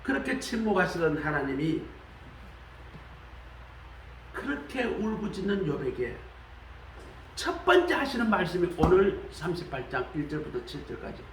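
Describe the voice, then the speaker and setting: A man preaching a sermon in a colloquial, animated way, acting out the voices he quotes. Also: normal speed, echoey room, distant mic, slight background noise, low-quality recording. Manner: animated, acts out quoted voices with shifts of pitch; colloquial, repeats "말이죠". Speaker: pastor. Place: church sanctuary.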